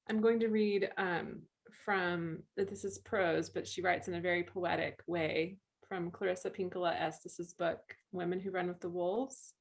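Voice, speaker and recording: Slow, soft-spoken woman reading poetry. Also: fairly low pitch, creaky. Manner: soft, thoughtful, pauses and hums.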